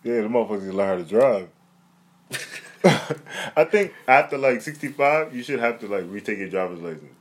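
A man's voice: fairly low pitch, animated, normal speed. A young man in casual chat, slangy and profane, teasing his friend.

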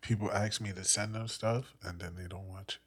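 A podcast host running a loose interview and trading jokes with the guest. The delivery is animated, with mock-dramatic complaints. The chat is easy and unscripted. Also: deep voice, fairly quick, husky.

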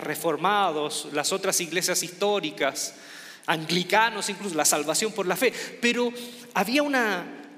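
Preaching in a big room that echoes around him, a Chilean pastor delivers a loose, conversational sermon, often restarting and poking fun at himself. He has a Chilean Spanish accent and a high, fairly bright voice.

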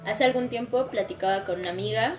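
A woman's voice: mid-range voice, quick pace. A young woman with a Mexican accent in casual podcast chat, frank and slangy, swearing freely. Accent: Mexican Spanish. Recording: echoey room with faint music.

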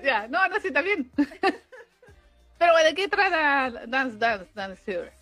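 A woman with a Chilean accent co-hosting a podcast in relaxed casual chat, laughing along. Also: sits high, slow, soft background music. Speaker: podcast co-host.

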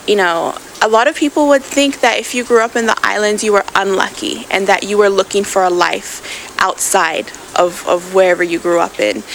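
A woman's voice: medium pitch, vocal fry, a bit bright, a little hiss or hum, rough recording. A young woman from Samoa speaks earnestly and thoughtfully in a conversational interview. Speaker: interview guest, climate activist.

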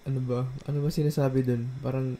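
A man with a Filipino accent chatting as a podcast co-host. He chimes in with short reactions and thinks out loud. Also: medium pitch, level tone, very fast. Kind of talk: casual chat.

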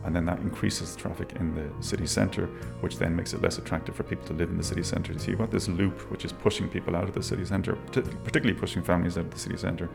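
A man's voice: low voice, fairly even intonation, fast talker, creaky, hardly any pauses, music in the background. A middle-aged man with a west of Ireland accent, talking reflectively as an interview guest. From Galway, west of Ireland.

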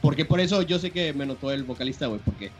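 A young man with a Mexican accent telling a story to friends in casual, slangy chat, excited and swearing freely. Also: on the high side, quick pace, soft background music. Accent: Mexican Spanish.

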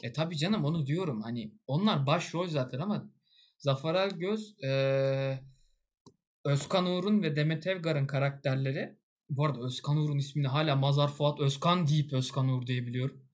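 A man's voice: on the high side, brisk. Playful, joking podcast host man. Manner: joking, playful, laughs often. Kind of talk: casual chat.

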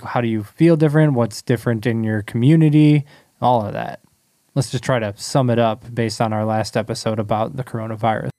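With a dark, medium-pitched voice captured in a dry studio recording, this man co-hosts a podcast. The talk is casual and easygoing; he laughs a lot and leads things along with his questions.

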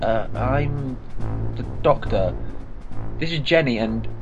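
A man's voice: mid-range voice, slow pace, close to an everyday voice. A man playing an earnest time traveller. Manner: urgent, explaining. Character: clever male time traveller, brisk and earnest. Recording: dull lo-fi with music.

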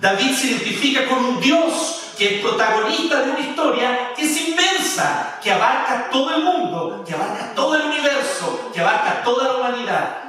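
Animated man preaching in an echoey hall. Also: extremely high pitch, normal speed, few pauses. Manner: animated preaching, rising and dropping emphasis. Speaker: pastor. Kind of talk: sermon. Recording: echoey room from a distance.

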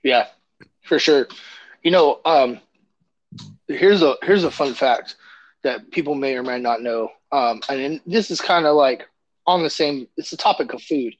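A man's voice: medium pitch, measured pace, no echo, highs cut off. A man co-hosting a podcast in casual chat, rambling loosely with lots of fillers and restarts. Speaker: podcast co-host.

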